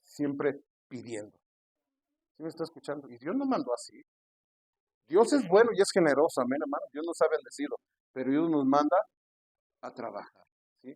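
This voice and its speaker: A man's voice: fairly high pitch, expressive, fairly quick, darkish tone, slightly rough, no room sound. Man, pastor preaching, earnest and pleading, raised voice, dry close sound. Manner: earnest preaching, addresses listeners as brother again and again. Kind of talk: sermon.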